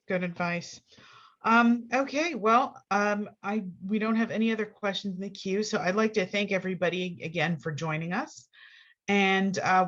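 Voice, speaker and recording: A woman's voice: lowish voice, lo-fi sound. A woman moderating a webinar, friendly, reading audience questions aloud and thanking attendees. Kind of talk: hosting a live Q&A.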